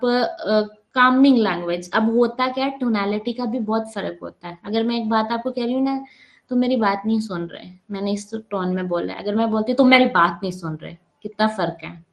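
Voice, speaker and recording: A woman with a Pakistani Urdu accent and a slightly high voice leads a workshop lecture. She walks her listeners through each point step by step and slips English terms into her speech. She checks in often to make sure they are following. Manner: explains step by step, often checks in with "ठीक है?" and "right?". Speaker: psychology workshop trainer.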